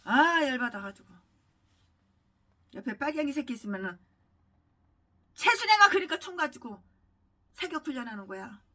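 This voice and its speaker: A woman pastor delivering a furious, abusive sermon, swinging between shouting and low muttering. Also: very animated, normal speed, pauses often, distant mic. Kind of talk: ranting sermon.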